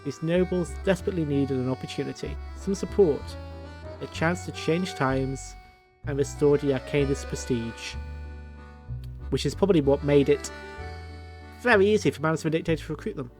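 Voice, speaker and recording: Male streamer, reads game narration, swears, sarcastic comments; slightly high voice. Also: normal speed, darkish tone, faint music behind. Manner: crude, sarcastic asides. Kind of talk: reading game text aloud with casual commentary.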